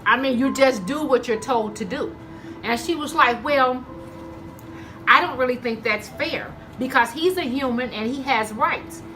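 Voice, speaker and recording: Speaking a little slowly, a mukbang vlogger with a high, bright, forceful voice tells casual stories to y'all while eating. She acts out dialogue and chews between phrases, and the low-quality recording carries some hiss or hum.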